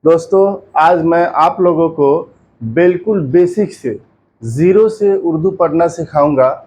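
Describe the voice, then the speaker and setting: A man's voice: a little high, takes it slowly, darkish tone, low-quality recording. A man teaching Urdu letters online, asking a question and then answering it himself, repeating each letter several times. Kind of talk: slow teaching lesson with call-and-response drills.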